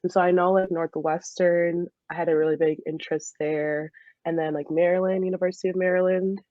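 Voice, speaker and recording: This young Michigan woman, formerly a college soccer player, gives chatty, laugh-filled interview answers at a fairly quick clip. Her pitch is fairly low and her tone level, in a dry recording with the highs cut off.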